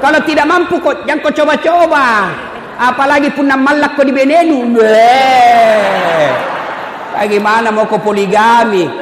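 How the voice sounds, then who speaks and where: A man's voice: very high-pitched, moderate pace. A man preaching a humorous sermon, joking and bantering with the congregation. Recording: echoey hall with faint background hum.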